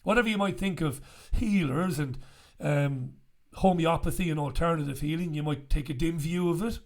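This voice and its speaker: In a small bright room, a man in his forties hosts a show, chatting casually and bluntly to camera with plenty of swearing. His voice is fairly high-pitched and croaky from a recent illness, at a normal speed, picked up by a studio mic standing in front of him.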